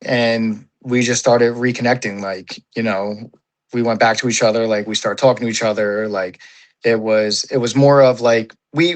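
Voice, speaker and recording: A man's voice: medium pitch, rough recording. A man talking as an interview guest, rambling and swearing freely, with constant "you know" and "like". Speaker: paintball player, interview guest. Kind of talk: casual interview.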